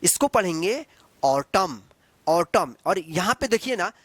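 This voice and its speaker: High-voiced man teaching English pronunciation. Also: very animated, no room sound. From Bihar, India. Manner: repetitive, asks questions and answers them himself; spells words letter by letter slowly. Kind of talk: classroom-style spelling and pronunciation lesson.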